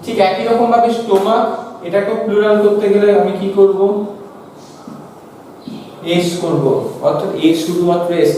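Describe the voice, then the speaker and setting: A man with a Bengali accent, teaching a grammar class in a high, mellow voice. He sits back from the mic in a very echoey room, with faint noise behind him. He keeps asking the class questions and answering them himself. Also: far from the mic.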